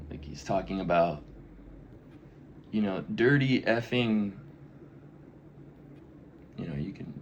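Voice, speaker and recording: A young man talking in a casual, rambling way, full of slang and "you know", often dropping into mumbled, breathy asides. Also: low-pitched, muffled recording, a little hiss or hum. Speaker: vlogger. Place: backyard outdoors.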